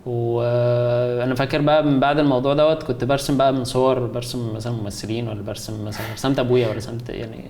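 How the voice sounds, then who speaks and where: A man in his twenties from an Egyptian Arabic background, a concept artist appearing as a guest, chats casually at a racing pace with few pauses. His mid-range voice is steady and darkish in tone. Even so, he sounds hesitant, with many fillers and restarts.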